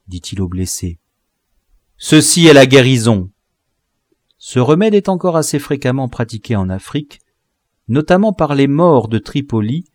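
A male audiobook reader narrates a classic novel from a script, slowly and expressively. His voice is mid-range, and the recording is dry and of studio quality.

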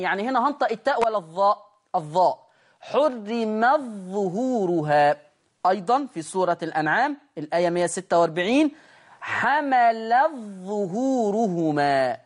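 A man with an Egyptian Arabic accent leads a lesson on Quran recitation rules. He draws each recited example out slowly and carefully, then explains in quick, chatty bursts, often turning to his students to check they are keeping up. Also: sits high. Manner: addresses the class directly and checks they follow.

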